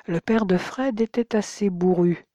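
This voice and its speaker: An audiobook narrator calmly reading a novel on a close microphone. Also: mid-range voice, unhurried, no room sound.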